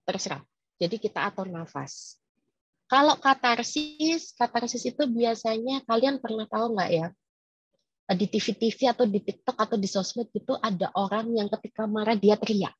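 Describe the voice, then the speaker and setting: A woman speaking in a casual, lively webinar talk to staff, teasing and quizzing her listeners. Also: mid-range voice, husky, dry recording, dull audio.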